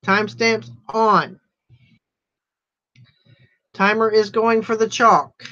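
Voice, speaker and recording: A woman's voice: medium pitch, a bit bright. A woman hosting a casual live-stream auction, chatty and laughing often. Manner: chatty, laughs often, drawn-out slow delivery. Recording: dull lo-fi livestream audio.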